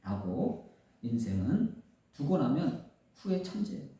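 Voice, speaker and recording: Middle-aged male pastor, mellow voice, lively pitch, roomy distant church sound. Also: slow. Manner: retells scripture with acted quotes, earnest and animated. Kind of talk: sermon. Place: church sanctuary. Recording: roomy echo from a distant mic.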